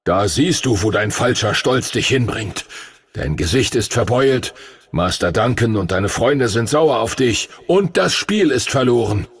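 Man voicing Happy, a deep grave old dragon. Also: lively intonation, measured pace, breathy edge, heavily acted. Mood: scolding. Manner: stern, scolding, ominous. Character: ancient gruff male dragon mentor.

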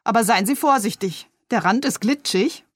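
A woman's voice: fairly high pitch, expressive, moderate pace, no echo. A cautious young woman caught in an awkward rescue, voiced by a woman reading aloud. The delivery is plain and earnest, in a dry, close-up sound. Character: young woman from the city, wary. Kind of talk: read-aloud novel dialogue.

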